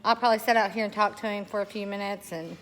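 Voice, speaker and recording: A woman's voice: mid-range voice, fairly even intonation, fast, soft background music. A woman chatting casually in a rambling vlog, laughing often. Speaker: homesteading vlogger. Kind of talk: casual walk-and-talk vlog.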